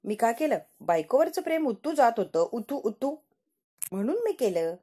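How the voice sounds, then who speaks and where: A woman's voice: a little high, sing-song, normal speed, warm tone, husky. A woman voicing a drunk husband who rambles cheerfully. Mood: tipsy teasing.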